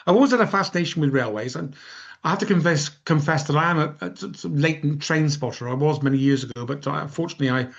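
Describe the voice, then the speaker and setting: A man's voice: fairly high pitch, fast, creaky. Older west country guy giving a chatty online talk, bit rambly and self deprecating, slightly muffled lo-fi audio. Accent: West Country English. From Plymouth, southwest England. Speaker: guest lecturer, professor. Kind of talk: informal presentation to an online audience.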